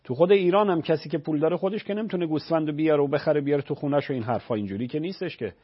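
A man's voice: fairly high pitch, husky. A man, a religious scholar on a radio call-in show, patiently explaining rulings with everyday examples. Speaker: religious scholar answering callers. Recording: dull lo-fi radio broadcast.

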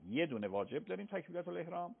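Answering religious questions on a call-in radio show, this cleric patiently lays out rulings and keeps saying yes in affirmation. He sounds very animated, with a fairly high pitch and a creaky, breathy edge, over phone-like radio audio.

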